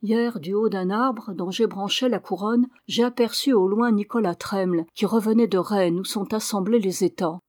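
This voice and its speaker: A man's voice: high voice, normal speed, hardly any pauses, a little mellow, no room sound. A woman reads as a devoted young woodcutter son, earnest and eager, answering his father plainly. He is simple and loyal, in a storybook read aloud. The sound is close and dry. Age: young adult.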